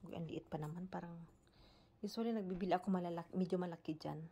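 A woman's voice: lowish voice, racing, dark tone, lo-fi sound. A woman with a Filipino accent filming a casual home vlog on her phone. She coaxes her dog in baby talk and repeats short commands, switching between English and Tagalog. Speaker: family vlogger and dog owner. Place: at home, then in a bathroom bathing the dog. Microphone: phone camera held by the speaker.

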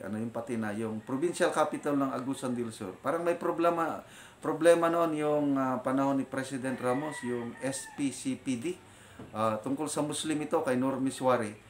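An older man from the Philippines with a Filipino accent, a retired officer telling his faith story as a vlogger in animated storytelling that switches between Tagalog and English. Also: medium pitch, a little hiss or hum. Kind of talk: casual spoken testimony. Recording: roomy echo.

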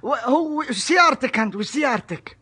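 A young man plays a furious father who bellows stammering threats down a prank call, his voice pitched unusually high. The sound is close and direct, recorded on a phone held at arm's length in a small indoor room. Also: expressive, a little fast, sharp tone, exaggerated voice. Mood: threatening. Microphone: phone camera at arm's length.

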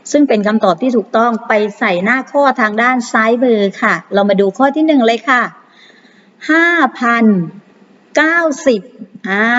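A woman's voice: a little high, a bit bright. Patient woman teacher, muffled echoey recording. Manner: patient, repeats numbers slowly with frequent polite particles. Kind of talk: explaining math exercises to primary pupils. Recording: muffled long reverb.

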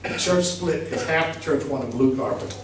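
A middle-aged pastor with a slightly high voice and lively intonation preaches at a moderate pace into a handheld mic. His sermon is emphatic and conversational, with questions for the congregation, and the small church sanctuary sounds echoey on the distant camera.

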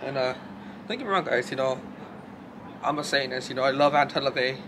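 Shaking from the cold, a young man talks fast in a mid-range voice for a casual vlog, loose and full of swearing and fillers. It's shot on a friend's handheld camera, first on a city street and later in a hotel room, amid noisy ambience.

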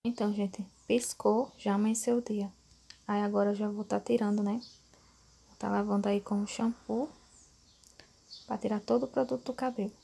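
A Brazilian beauty vlogger in her thirties chats casually through her hair-care routine from a small bedroom at home, calling her viewers "gente," filling her talk with "né," and often seeking their agreement. Her medium-pitched voice is flat, gravelly, and dark with a breathy edge, moving at normal speed with long pauses.

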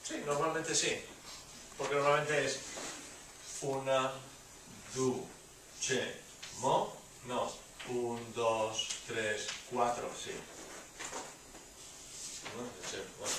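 Recorded from far off in a very echoey classroom, this male university Spanish teacher drills phrases through emphatic repetition and playful exclamations. His medium-pitched voice is level and a bit bright, with drawn-out words and long pauses, and a little hiss or hum can be heard.

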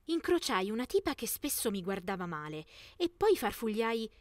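A young woman reads a scripted first-person story as a teenage narrator, clearly and expressively. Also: fairly high pitch, very animated, moderate pace, no echo, clean studio sound.

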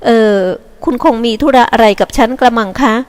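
A woman voicing a gentle, forgiving young girl who speaks softly and sweetly. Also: on the high side, fairly quick, voice pushed up, natural voice. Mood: puzzled. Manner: soft, sweet and soothing.

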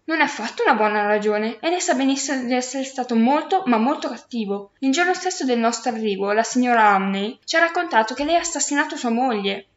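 A woman's voice: fairly high pitch, expressive, quick pace, hardly any pauses, close to an everyday voice. A woman doing an earnest, outspoken young girl. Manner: earnest, scolding. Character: young girl, gentle but spirited and outspoken. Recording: roomy, dull lo-fi recording.

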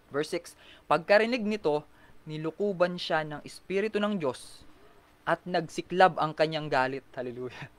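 A man leading an online Bible study sermon, animated, full of rhetorical questions, often clearing his throat. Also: on the high side. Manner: animated, swinging from loud to soft.

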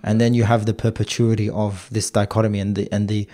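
A man's voice: on the low side, little pitch movement, quick pace, warm tone. A man co-hosting a podcast, talking in a casual, rambling way with many restarts. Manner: rambling, lots of fillers and restarts. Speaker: podcast co-host. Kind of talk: casual discussion.

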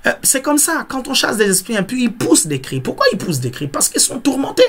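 A man's voice: extremely high pitch, very animated, fast, fairly bright tone, slightly rough. A male pastor preaching a teaching sermon, repeating key phrases and checking that listeners understand.

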